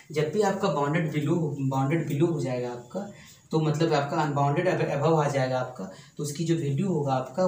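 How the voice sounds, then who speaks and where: A man's voice: a little high, a little mellow. A man teaching a math lesson, mixing Hindi with English terms, repeating phrases and asking rhetorical questions. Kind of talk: classroom math lecture. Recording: roomy sound from far off with faint noise.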